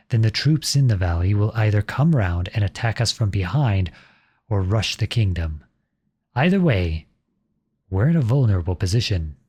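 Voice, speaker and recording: A man performs the role of an outlawed young prince working as a lowly soldier in a roleplay audio drama. His warm, slightly rough voice delivers formal, measured lines with courtesy and earnestness.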